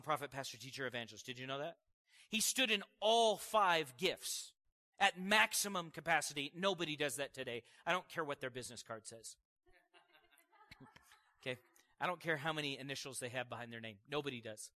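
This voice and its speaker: Man, high bright voice, casual animated sermon delivery with asides to the room. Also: normal speed. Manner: conversational and animated, asking the audience questions, laughing. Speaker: preacher.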